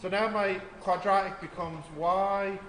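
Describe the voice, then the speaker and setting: A man's voice: high-pitched, steady tone, measured pace, fairly bright tone. A man tutoring a maths class, explaining step by step and quizzing students as he goes. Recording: echoey classroom with faint noise.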